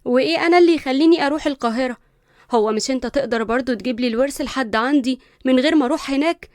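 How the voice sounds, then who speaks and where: A woman's voice: high voice, rapid-fire, no room sound, studio quality, voice pushed up, lightly acted. Linda, a woman playing a spoiled haughty girl. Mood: dismissive. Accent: Egyptian Arabic. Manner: haughty, scornful, loud. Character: spoiled arrogant rich young woman.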